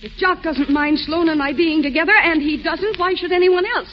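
An actress playing Mary, a rich, restless society wife in a 1940s radio drama, on a dull old recording. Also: female voice, very high voice, fairly even intonation, fairly quick, a little hiss or hum. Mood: breezy.

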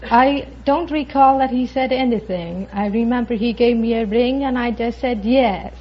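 Woman on a quiz show, polite calm answers, fairly high voice. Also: normal speed, husky. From Iceland. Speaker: contestant. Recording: dull old broadcast with faint hiss.

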